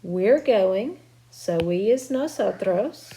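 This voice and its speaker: A woman teacher records a remote grammar lesson from her home. Her voice sits at an ordinary middle pitch for a woman. She explains each step patiently and keeps encouraging her students. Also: expressive, takes it slowly, dark tone. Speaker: Spanish teacher. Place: at home with children nearby.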